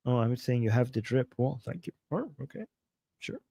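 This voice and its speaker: This forties-aged man hosting a casual livestream has a medium-pitched, sing-song voice that's gravelly, warm, and husky, spoken at normal speed. He reads viewer comments out loud with playful, chuckling reactions and lots of repetition. It's studio quality, with no echo.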